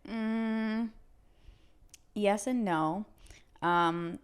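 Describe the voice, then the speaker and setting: A woman's voice: medium pitch, very slow, smooth. A woman in her late twenties co-hosting a podcast, chatting casually with fillers and frequent laughs. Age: 20s. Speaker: podcast co-host. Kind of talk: casual chat.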